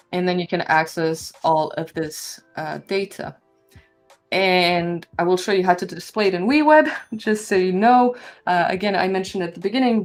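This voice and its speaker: Woman presenter, casual and halting, voice metallic and robotic from an AI noise filter on a stream mic. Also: fairly low pitch. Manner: casual, hesitant, full of ums and restarts. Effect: robotic, metallic sound from AI noise removal. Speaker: presenter from the product team. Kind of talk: live-streamed software tutorial.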